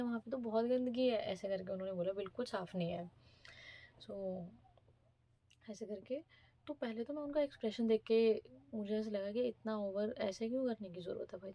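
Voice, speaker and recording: A young woman from India telling a story in a casual vlog, chatty and animated, sometimes dropping to a half-whisper. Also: medium pitch. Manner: chatty, animated retelling with mimicry; speaks softly, half-whispering at times. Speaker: vlogger.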